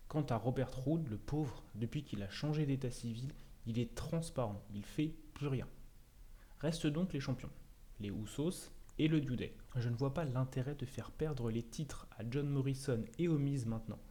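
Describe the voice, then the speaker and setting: Sardonic male video host, mellow dark tone, scripted opinion monologue. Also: mid-range voice, moderate pace.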